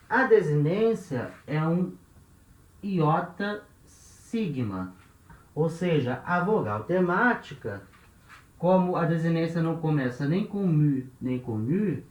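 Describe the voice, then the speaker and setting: A man's voice: a little high, roomy sound, rough recording. A man teaching a language lesson, explaining step by step and often checking in with his listeners.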